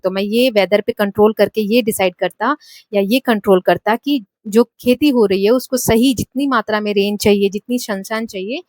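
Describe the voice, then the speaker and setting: A woman teacher with an Indian English accent explaining a textbook lesson. She reads the English lines slowly and often checks in with her students. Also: mid-range voice, dry recording.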